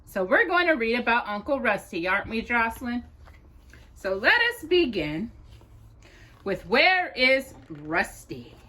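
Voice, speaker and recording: For a young child, a storytime host reads from a picture book in a voice on the high side, expressive and carefully paced.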